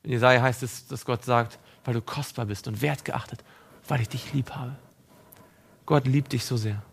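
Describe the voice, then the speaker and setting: A man preaching a sermon, reading scripture and speaking directly to his listeners, moving between raised, emphatic passages and hushed ones. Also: medium pitch, steady tone, moderate pace, creaky, breathy edge. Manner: addresses listeners directly and personally; reads scripture aloud within the sermon.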